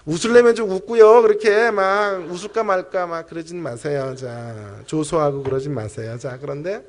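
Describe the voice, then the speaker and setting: A middle-aged man, a pastor and professor, preaching a sermon and telling a personal story with animated storytelling, speaking straight to the congregation. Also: fairly high pitch, normal speed, a little hiss or hum. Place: church sanctuary.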